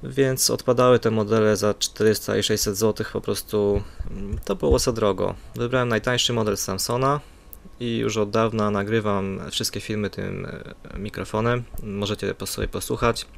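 A man with a fairly low, creaky, steady voice gives a casual product review at a moderate pace. An amateur gadget reviewer, he speaks hesitantly and plainly, improvising into a USB condenser desktop microphone.

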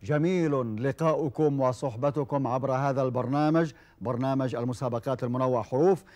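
Fast-talking formal quiz show host, a man. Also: medium pitch, a little mellow. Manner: formal and measured, with frequent "ah" fillers. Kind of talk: hosting a televised quiz show. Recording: old television broadcast recording.

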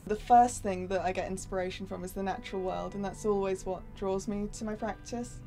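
A woman's voice: medium pitch, steady tone, fairly quick, warm tone, soft background music. A woman artist speaking in a flowing, enthusiastic way in an interview. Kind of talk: interview monologue.

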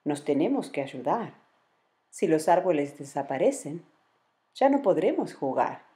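A woman's voice: sits low, very animated, measured pace, mellow. A woman voicing a lonely, grumpy young male jaguar in a children's storybook, talking in a sulky, dismissive way. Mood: earnest.

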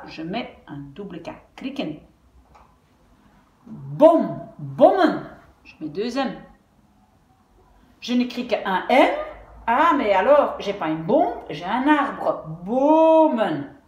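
A woman teaching Dutch spelling, patiently sounding out words syllable by syllable. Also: fairly high pitch. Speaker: language teacher. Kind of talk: explaining Dutch spelling at a whiteboard. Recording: echoey room.

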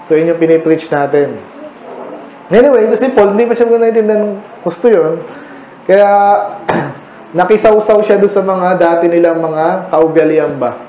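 A man's voice: high-pitched, normal speed, mellow. A man with a Filipino accent preaching a midweek Bible study sermon, chatting with the congregation and often asking them questions. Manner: conversational, mixing English into Tagalog, asking the congregation questions. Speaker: pastor. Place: church hall. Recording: echoey room with faint ambient noise.

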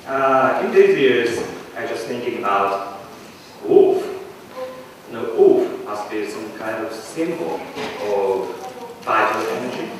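A middle-aged man with a Japanese accent reciting sparse haiku in measured, spare phrases with long pauses. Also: medium pitch, big pitch swings. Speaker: poet reading at a haiku event. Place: hall stage, indoors. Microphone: stand microphone on stage, recorded by far camera. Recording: very echoey hall, distant, faint noise.

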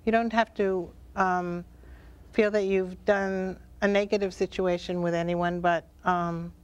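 A woman appears as a guest author on a live talk show, chatting casually but in a reflective, deliberate way, drawing out her phrases. Her voice is lowish, level, clear and resonant.

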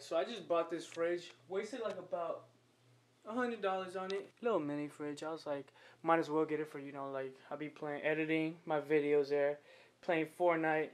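A man's voice: on the high side, normal speed. A young man vlogging in a loose, joking way, cursing a lot. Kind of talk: casual vlog chatter.

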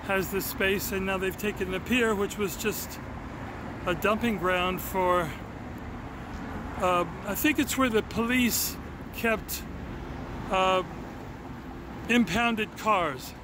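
A man's voice: high voice, slow, long pauses. An older man chatting casually as he films himself walking a waterfront pier, thinking aloud as he goes. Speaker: vlogger. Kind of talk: casual walking tour narration. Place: outdoors on a city waterfront pier. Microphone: handheld phone camera at arm's length. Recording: phone video outdoors with clear street noise. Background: city traffic and outdoor noise.

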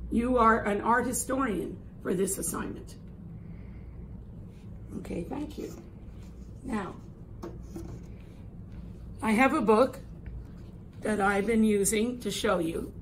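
A woman in her sixties with a hoarse, raspy voice that thins toward a whisper at times, teaching an art lesson in an instructive, emphatic way. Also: medium pitch, slow pace, long pauses. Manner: instructive, emphatic, checks understanding with "okay?". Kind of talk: classroom lesson, explaining an assignment. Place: classroom art room, indoors. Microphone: camera a few metres away. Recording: clear room noise.

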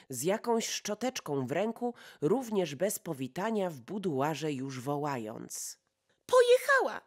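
A woman's voice: low voice, darkish tone. A woman reading a classic novel aloud as an audiobook, in a subdued, reflective tone. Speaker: audiobook reader. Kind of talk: scripted audiobook narration.

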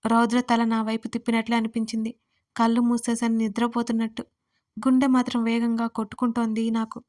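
Woman reading a romance story, flat and high-pitched. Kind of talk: first-person scripted story narration.

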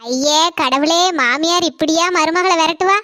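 High bright cartoon auntie, woman doing her, kanyakumari tamil accent, gossipy and stingy. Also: normal speed. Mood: gossiping. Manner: chatty, tart village gossip. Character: gossipy middle-aged housewife Lakshmi, stingy with food. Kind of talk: cartoon comedy dialogue.

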